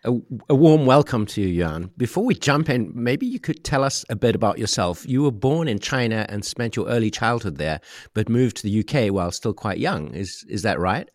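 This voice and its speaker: A man's voice: lowish voice, expressive, moderate pace, hardly any pauses, dry recording, studio quality. A man co-hosting a podcast, talking in a playful, teasing way and laughing often. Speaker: podcast co-host. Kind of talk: casual podcast conversation.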